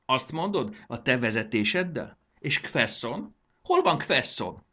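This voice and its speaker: A man's voice: medium pitch, very animated, pushed and bright, pitched above the performer's own voice. A man reading a storybook aloud and voicing a hysterical, petulant male ruler who shrieks, sobs and whines. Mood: whining. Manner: shrieking, sobbing, manic laughter.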